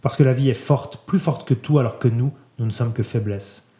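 Guy reading a story out loud, soft and slow-ish, warm mellow voice, echoey room. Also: medium pitch. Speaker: reader. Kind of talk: reading a literary text aloud. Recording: roomy echo.

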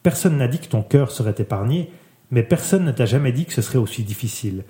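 A man reading a literary text aloud in a soft, measured way, letting his voice drop quieter at the ends of phrases. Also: mid-range voice, expressive. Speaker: reader. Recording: roomy echo.

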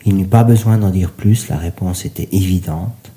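A man's voice: deep voice, moderate pace, mellow. A man narrating a story in a theatrical, ornate manner, sometimes dropping to a whisper.

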